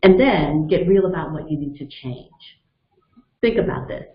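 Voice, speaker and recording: She's a webinar coach in her fifties with a low voice, lively inflection and normal pacing, speaking earnestly as she breaks things into steps and tells personal stories to inspire. Her audio has a narrow, phone-like quality with some echo.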